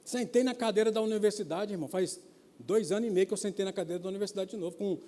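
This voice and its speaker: Pastor, 50s, high quick voice, dark tone, tells funny stories in his sermon. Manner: animated, acts out dialogue with quick voice changes; colloquial and humorous, with mild laughs. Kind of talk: sermon with personal storytelling.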